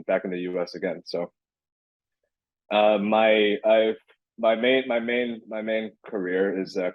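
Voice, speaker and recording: A man in his thirties, a crypto entrepreneur appearing as a podcast guest, answers in a casual way full of fillers and restarts. He was born in California and grew up in Beijing. His voice sits low, and the audio is dull with no room sound.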